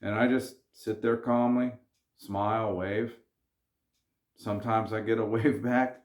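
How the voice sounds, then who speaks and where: A man's voice: on the low side, fairly even intonation, a little slow, roomy sound. A man talking casually straight to camera, slangy and earnest as he warns viewers to keep their cool. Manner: laid-back, slangy, earnest. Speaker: vlogger. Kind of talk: casual advice monologue.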